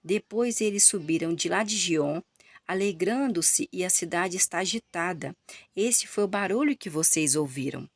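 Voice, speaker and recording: A Brazilian woman reads scripture aloud in short, halting phrases and keeps repeating titles. She adds her own remarks along the way. Her voice sits a little low, and the sound is dry and close. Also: lively intonation, no echo. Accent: Brazilian Portuguese. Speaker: Bible reader. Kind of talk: Bible reading with asides.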